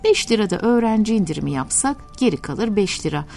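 A woman's voice: mid-range voice, very animated, quick pace, creaky, faint music behind. A woman reading a kind, generous shopkeeper man. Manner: gentle, reassuring, playful bargaining. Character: kind middle-aged male shoemaker, generous. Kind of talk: storybook reading.

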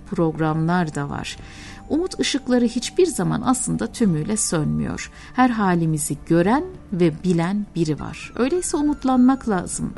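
A woman giving a calm, earnest, encouraging reflective talk and narrating a story. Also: medium pitch.

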